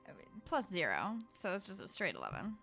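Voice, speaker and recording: A woman player in a tabletop game with a wildly swooping pitch and a gravelly fry on her words. She reacts eagerly and quickly, over faint music. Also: wildly swooping pitch, pushed and bright.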